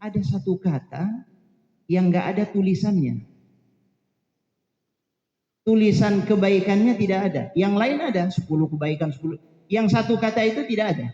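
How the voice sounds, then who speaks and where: A man's voice: high voice, lively intonation, normal speed, long pauses, dark tone. A male preacher giving a religious study lecture, reading Arabic passages aloud and then explaining them in a casual storytelling way. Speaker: Islamic preacher. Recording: echoey, dull lo-fi hall recording.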